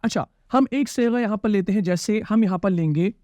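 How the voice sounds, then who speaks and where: High-voiced male Arabic grammar teacher. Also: fairly quick, mellow, no echo. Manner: explains patiently, repeats key terms, checks understanding with questions. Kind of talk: classroom-style grammar lesson.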